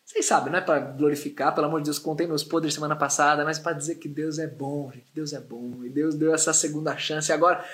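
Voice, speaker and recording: High-voiced animated São man. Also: brisk, few pauses. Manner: animated, slangy, expressive. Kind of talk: casual storytelling testimony.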